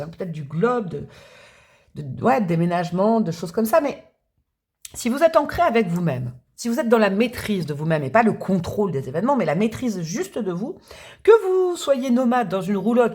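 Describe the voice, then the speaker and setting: A woman's voice: a little high, a little mellow, slightly rough. Chatty French woman reading tarot. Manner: chatty, thinks aloud with restarts and little hums. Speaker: tarot reader. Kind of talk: tarot reading addressed to viewer.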